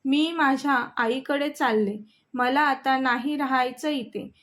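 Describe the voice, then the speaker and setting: A woman voicing a hurt, angry young wife who speaks slowly and reproachfully. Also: sits high, steady tone, a bit bright.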